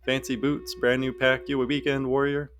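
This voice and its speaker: A woman's voice: rumbling low, flat delivery, normal speed, music in the background. A man voicing a tough, sarcastic country woman with a lazy Southern drawl, read from a story. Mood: teasing.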